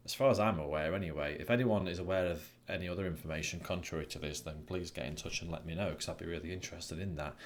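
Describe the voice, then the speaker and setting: A therapist giving an informal recorded lecture, talking bluntly and conversationally with frequent ums. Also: male voice, low-pitched, a little hiss or hum. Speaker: person-centred therapist.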